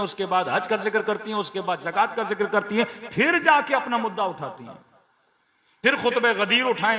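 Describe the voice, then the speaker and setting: A man with a Pakistani Urdu accent preaching a majlis sermon to a congregation, declamatory, with rhetorical questions and rhythmic repeated lists. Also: sits high. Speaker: Shia preacher. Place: large prayer hall with a gathered audience. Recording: echoey hall with crowd sounds.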